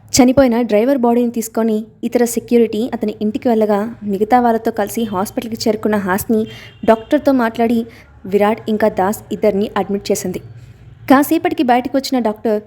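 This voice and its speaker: A woman reading a novel aloud as a storyteller, in a plain, steady narration that voices the dialogue lightly. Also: on the high side, fairly quick.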